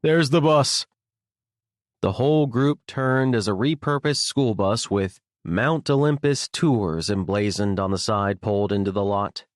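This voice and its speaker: A man's voice: lowish voice, dry recording. A man narrating an audiobook in the first person with a wry, sardonic delivery, recorded on a close studio mic.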